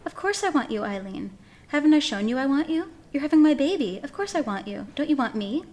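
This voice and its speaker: A woman's voice: sits high, very animated, fairly quick, a little mellow, pitched above the performer's own voice. A woman reading aloud, voicing an anxious, earnest young man in a storybook tale, in a pleading, urgent manner. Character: anxious young Irish farm lad, earnest.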